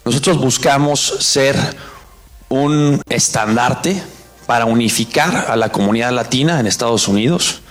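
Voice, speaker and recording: A man giving an earnest, deliberate interview soundbite as a company executive. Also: medium pitch, soft background music.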